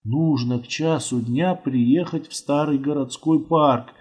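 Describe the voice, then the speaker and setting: Slow, husky male audiobook narrator. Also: on the high side, a little mellow.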